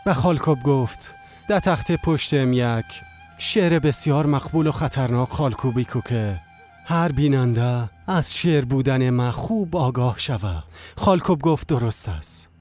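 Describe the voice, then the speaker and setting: Older father, played by a man, patient and steady, over faint music. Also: mid-range voice, natural voice. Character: calm, devout older father giving counsel. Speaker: dubbing actor. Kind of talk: dubbed TV drama.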